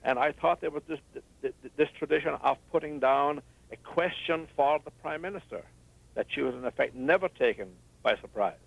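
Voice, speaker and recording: A man's voice: fairly high pitch, fairly quick, creaky, no echo. A man from Ireland calling in, chatty and enthusiastic. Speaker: caller. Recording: dry dull phone line.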